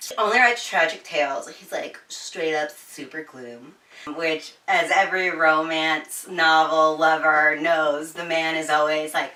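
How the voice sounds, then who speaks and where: A woman hosts a casual book review, giggling, swearing now and then, and keeping things chatty. Her voice sits low with a sharp tone, picked up from a distance with a roomy echo, slightly off-mic.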